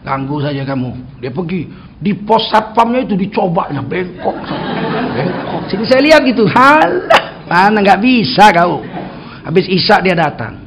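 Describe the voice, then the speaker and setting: A man's voice: high-pitched, a little slow, vocal fry, a crowd in the background. A man preaching a sermon in a mosque, telling stories and acting out dialogue. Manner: storytelling, acting out dialogue with lively shifts.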